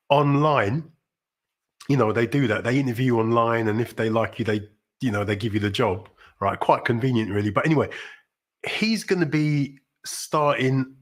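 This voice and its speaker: A middle-aged man from South London with a London accent, hosting a casual livestream in a chatty, rambling way with sudden upbeat exclamations. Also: medium pitch. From South London, England. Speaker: livestream host.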